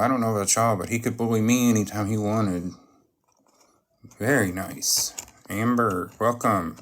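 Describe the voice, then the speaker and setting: A live stream host chatting casually while showing off items, halting and often breaking off to greet viewers, with some noise and clicking. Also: mid-range voice. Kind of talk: casual live stream chat while unboxing oracle cards.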